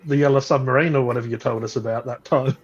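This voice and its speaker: A man's voice: medium pitch, steady tone, fast talker, husky. A man with an Australian accent who hosts a casual group chat, teasing his guests in a friendly way. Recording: dull lo-fi audio.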